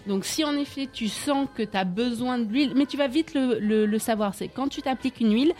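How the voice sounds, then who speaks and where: A woman's voice: fairly high pitch, a little fast, darkish tone, faint music behind. Chatty woman explaining beauty remedies. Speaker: beauty book author guest. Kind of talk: casual radio chat.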